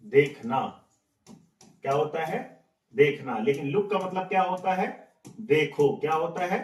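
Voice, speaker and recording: A man's voice: on the high side, unhurried, darkish tone. A man teaching a spoken English lesson, repeating words and quizzing his listeners as he goes. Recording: echoey room, mic at a distance.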